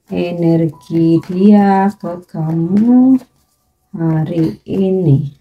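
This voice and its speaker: A woman giving a casual tarot reading, chatty and easygoing, with drawn-out fillers and light laughs. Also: lowish voice, lo-fi sound. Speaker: tarot reader.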